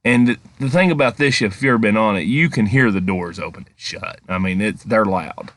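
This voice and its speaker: Low-voiced man telling ghost stories, dry sound. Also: fairly quick, a bit bright, no echo. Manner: rambling, conversational. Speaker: paranormal vlog host. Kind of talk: casual storytelling commentary over footage.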